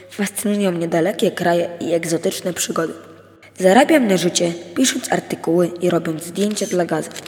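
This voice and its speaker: A man's voice: high-pitched, darkish tone. Man narrating a storybook, with reverb. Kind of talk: first-person storybook narration.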